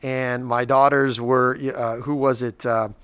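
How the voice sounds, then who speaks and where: A man's voice: medium pitch, little pitch movement, measured pace, fairly bright tone, clean tone, dry recording. A man in his forties rambles through school news on a casual podcast, often restarting his sentences. His voice sits in a middle range and is recorded dry and close, with no room sound. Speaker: school district podcast co-host. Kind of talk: casual chat.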